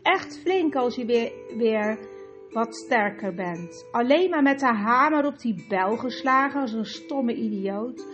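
A spirited young girl answers back with cool sarcasm in a raised, youthful voice, as a woman reads her part. The storybook recording is dull and lo-fi, with guitar music playing clearly underneath. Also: a little high, expressive, takes it slowly. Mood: sarcastic.

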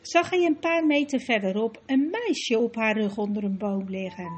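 A woman narrating a children's story in a calm, gentle storytelling manner, with music behind. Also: on the high side, normal speed.

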